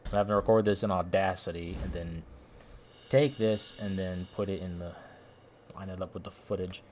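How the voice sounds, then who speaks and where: At his home recording setup, a man voices commentary over gameplay footage after the fact, grumbling and rambling with annoyance. His low, darkish voice holds a steady tone at normal speed, with a little hiss or hum in the recording.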